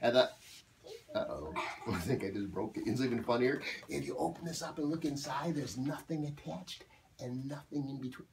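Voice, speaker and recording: A woman's voice: a bass voice, moderate pace, a little mellow, a little hiss or hum. A woman performing as a children's party magician, with playful, jokey patter and questions for the audience. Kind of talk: kids' magic show patter. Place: live children's birthday party, mic at a distance. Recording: distant microphone in a live room.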